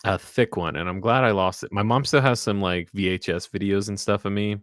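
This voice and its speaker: Deep-voiced man with a mild Hoosier accent. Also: fairly quick, dry recording, studio quality. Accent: Indiana Hoosier, faint West Virginia traces. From West Virginia. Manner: relaxed storyteller, folksy sayings. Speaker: podcast co-host. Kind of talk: casual chat.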